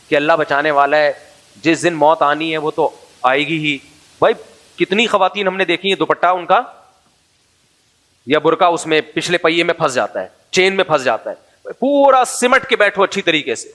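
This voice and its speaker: A man's voice: fairly high pitch, a bit bright. A man from Pakistan, giving a casual sermon full of jokes, stories and asides to the audience. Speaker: Islamic preacher.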